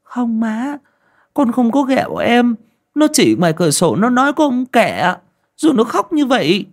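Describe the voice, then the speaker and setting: Performing a frightened little boy, a man whimpers and begs through tears in a tearful mood. He pushes his voice very high, well above his natural pitch, with huge swings and an exaggerated quality, at a moderate pace.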